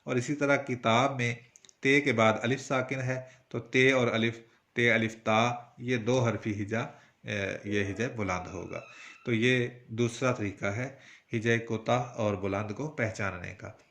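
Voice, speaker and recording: A man from Pakistan with a Punjabi accent, teaching Urdu poetry meter in a patient, explanatory way with frequent pauses. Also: mid-range voice, fairly even intonation, fairly bright tone. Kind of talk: spoken lesson on Urdu verse meter.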